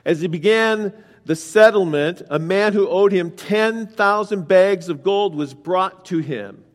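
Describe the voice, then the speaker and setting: Guy preaching in a church, kinda high voice, long echo off the hall, walks thru the verses and asks the crowd stuff. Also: unhurried. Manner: explains scripture verse by verse, asks the congregation direct questions. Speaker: pastor. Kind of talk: sermon.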